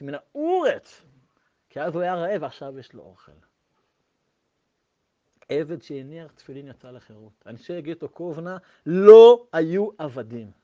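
Animated high-voiced male storyteller. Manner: lively, acts out voices. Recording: dull lo-fi recording.

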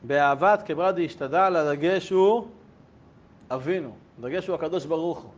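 A man who is a rabbi, giving a Torah lesson in a yeshiva in a lively, conversational way with humorous asides and questions to his students. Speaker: yeshiva rabbi teaching a class. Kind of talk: Torah lesson with a told anecdote. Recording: dull lo-fi recording with faint rumble.

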